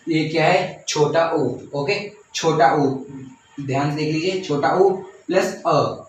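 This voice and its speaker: A man's voice: on the high side, a little hiss or hum. A young man teaching a grammar lesson step by step, repeating points and often saying okay. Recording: very echoey room, voice from far off.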